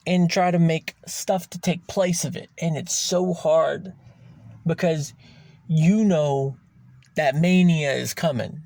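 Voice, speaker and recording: Man, podcast host, candid monologue: gravelly, slightly high voice, blunt and profane, leans hard on key words. Dry, close sound. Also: darkish tone, dry recording. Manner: raw, emphatic, swears freely; slows and stretches words for emphasis.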